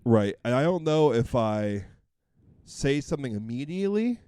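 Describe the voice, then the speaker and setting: A man's voice: medium pitch, big pitch swings, moderate pace, warm tone, clear, resonant tone, no echo, studio quality. A man co-hosting a podcast, telling a long casual story with lots of fillers and restarts. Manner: rambling, full of fillers and restarts. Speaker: podcast co-host.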